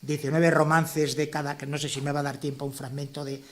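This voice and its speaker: Guy from la mancha talking up his book, kinda high voice, rambles and restarts, keeps tagging questions on. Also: little pitch movement, a little fast, fairly bright tone. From La Mancha, Spain. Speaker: author presenting his novel. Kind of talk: informal speech at a book presentation.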